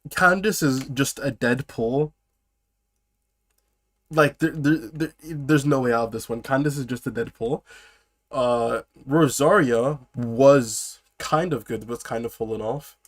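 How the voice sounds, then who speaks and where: On a live stream, a man with a cold greets his viewers and chats casually, stopping between phrases to cough and laugh. He speaks a little slowly in a medium-pitched voice.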